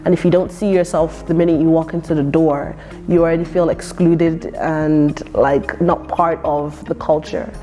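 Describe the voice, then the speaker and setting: A young Irish woman of Nigerian heritage, a poet and performer who grew up speaking Yoruba alongside English, answers interview questions thoughtfully and earnestly, with frequent fillers and restarts. Her voice is deep and dark, steady in tone, at normal speed, with faint music in the background.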